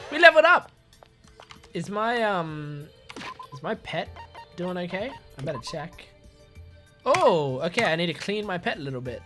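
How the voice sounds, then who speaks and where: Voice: medium pitch, a bit bright. A game player casually talking through their gameplay in a chatty, rambling way, with plenty of fillers. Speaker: game commentator.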